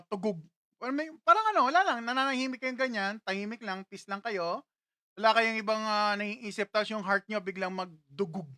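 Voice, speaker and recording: A man's voice: sits high, sharp tone, no room sound, clean studio sound. A young Filipino man casually chatting on a livestream, reading out viewer comments and laughing often. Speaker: livestream host.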